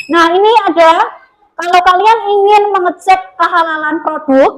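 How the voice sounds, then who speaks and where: A woman teacher with a high, light voice runs a lesson for young pupils in a classroom. She has an Indonesian accent. She keeps putting questions to the children and calls herself by her teacher name. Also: rough recording. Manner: lively, questioning, refers to herself as [name].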